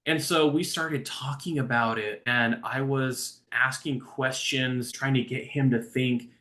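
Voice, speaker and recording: As a guest recovery coach in a relaxed interview, the man tells a story earnestly, growing animated along the way. His pitch is medium and his pace measured.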